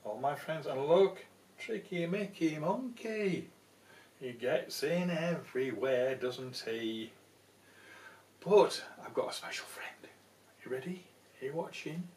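A grandfather in his sixties reads a picture book aloud to his grandchildren, teasing and coaxing them along as the story unfolds. His fairly high, slightly mellow voice moves slowly with lively intonation. The camera is a few feet off in a small indoor room at home, giving a roomy echo and a slightly far-away sound.

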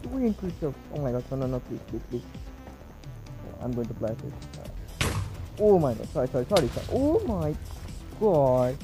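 A man giving excitable live gameplay commentary as a gaming video creator, repeating short shouts and chants. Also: mid-range voice, moderate pace, long pauses, low-quality recording. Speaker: gaming YouTuber. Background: background music.

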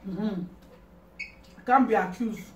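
A woman's voice: medium pitch, measured pace, crowd noise. A woman in her thirties with a Nigerian accent hosting a casual mukbang, exclaiming and talking between mouthfuls. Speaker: host of an eating show. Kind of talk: casual mukbang eating chat. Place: kitchen or dining room indoors. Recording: roomy, distant mic, faint noise.

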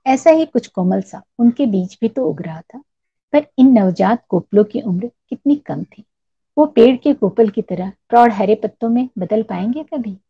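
A woman storyteller reading a scripted story in a calm, measured way. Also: fairly high pitch, slightly rough. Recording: dull lo-fi recording.

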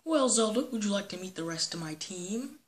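A woman voicing an excitable young male hero who leads a team, talking fast and awkwardly in a homemade toy play. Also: mid-range voice, natural voice. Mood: eager.

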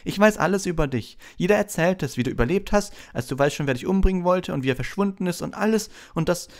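A man putting on a starstruck young boy in a storybook reading, breathless and gushing, tumbling over his words. The voice sits far above the reader's own and leaps around with excitement. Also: high voice, quick pace, pitched above the performer's own voice. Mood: eager. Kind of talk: audiobook reading.

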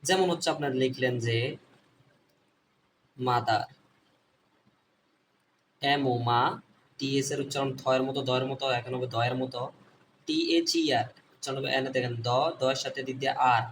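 A man's voice: medium pitch, fairly even intonation, fast talker, fairly bright tone, recorded from a distance. Man teaching phonics, asking and answering himself. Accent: Bangladeshi Bengali. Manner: repeats points, asks and answers own questions. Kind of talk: online phonics lesson. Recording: voice a bit off-mic, faint background noise.

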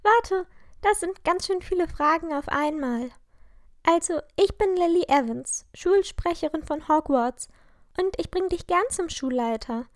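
A woman's voice: very high voice, measured pace, no echo, clean studio sound, pitched above the performer's own voice. A woman voicing a bold teenage head girl who talks urgently and gives orders. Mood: commanding. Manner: urgent, commanding.

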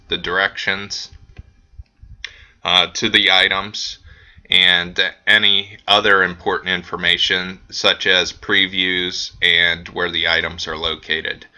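A man from an auction house giving a casual screen-recorded walkthrough of the company's bidding website, relaxed and dotted with ums and uhs. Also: low-pitched.

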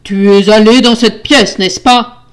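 Loud growling villain husband in a fairy-tale reading, voiced by a woman, slow, menacing threats. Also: high voice. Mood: roaring. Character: cruel menacing nobleman husband, murderous. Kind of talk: storybook reading.

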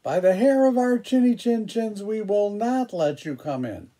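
A man voicing a chorus of small frightened wolves in a storybook read-aloud, in a much higher squeaky voice. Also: lively intonation, unhurried, dark tone. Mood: defiant.

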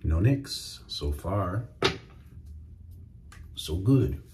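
A man's voice: low-pitched, animated, drawn-out words, warm tone, a little hiss or hum. A middle-aged man chatting casually to viewers while shaving at home. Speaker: wet shaving YouTuber. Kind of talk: casual shaving demo chat. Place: home shave room, indoors.

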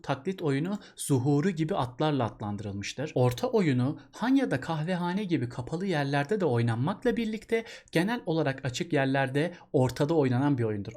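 A man's voice: on the high side, a little mellow. Man, literature teacher, exam-prep lesson, chatty, rhetorical questions. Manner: chatty, keeps asking rhetorical questions and calling the student "buddy".

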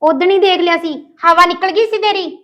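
Blunt high-voiced woman. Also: moderate pace, a bit bright, highs cut off. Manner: blunt, scolding, defiant. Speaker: actress playing a demanding mistress. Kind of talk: Punjabi short film acting.

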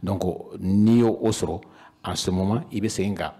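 A man in his fifties, a Malian-accented regional council official, hesitantly explains his views on a panel in Bambara interspersed with French, frequently repeating words. His low-pitched voice is warm with a breathy edge, steady in tone and at normal speed. He holds a foam-covered handheld microphone in an indoor panel room.

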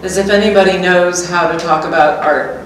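In an echoey, hard-walled gallery, a middle-aged performer reads one side of a scripted two-person dialogue as a wry, nervous character. Her voice is on the low side and steady, at normal speed and near her natural register. A stand microphone catches her from afar, along with faint noise and room echo.

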